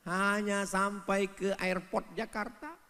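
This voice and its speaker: A man preaching a humorous sermon, joking, swinging between loud outbursts and soft asides, at times breaking into chanted song. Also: high voice, flat delivery, slow pace, clean tone, big-room sound. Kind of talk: humorous sermon with sung passages.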